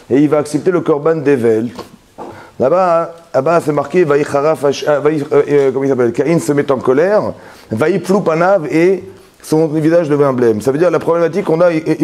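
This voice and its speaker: A man's voice: fairly high pitch, darkish tone, slight background noise. A man, a rabbi, giving a Torah lesson that explains with everyday examples, with many restarts and repeated words, often checking that his listeners follow.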